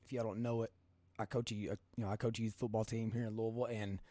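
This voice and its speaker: A man with a Kentucky accent and a hoarse smoker's rasp, hosting a casual podcast in a folksy, rambling, colloquial way. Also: lowish voice, little pitch movement, quick pace, warm tone, no echo. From Kentucky, United States. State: hoarse from coaching. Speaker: podcast host.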